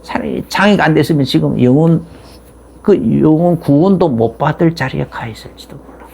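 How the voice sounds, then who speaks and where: Speaking briskly over slight background noise, a middle-aged pastor tells his sermon like a casual story, frequently starting sentences over. His gravelly voice rises and falls in broad, expressive jumps.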